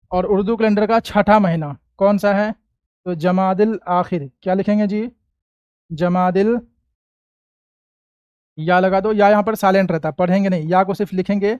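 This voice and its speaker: A man teaching a lesson, slowly repeating each word and answering his own questions, recorded close in a quiet room. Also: high voice, steady tone, smooth, no echo, muffled recording. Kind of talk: classroom-style lesson with call and response.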